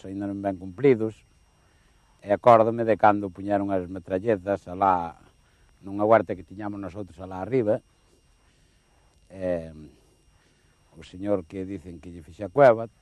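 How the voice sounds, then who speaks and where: A man in his fifties from Galicia giving a halting, hesitant recollection as a documentary witness. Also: fairly low pitch, steady tone, dry recording, highs cut off. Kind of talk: personal recollection.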